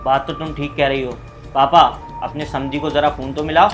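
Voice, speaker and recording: A man's voice: on the high side, little pitch movement, normal speed, lightly acted. Man playing a hot-headed greedy brother. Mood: worried. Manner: aggressive, shouting. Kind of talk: web-series family drama acting. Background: background music.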